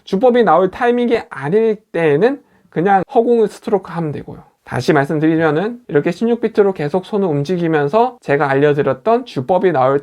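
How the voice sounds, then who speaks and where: A man calmly explaining guitar strumming step by step as a teacher, repeating the key points patiently. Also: high-pitched. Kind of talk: instructional explanation.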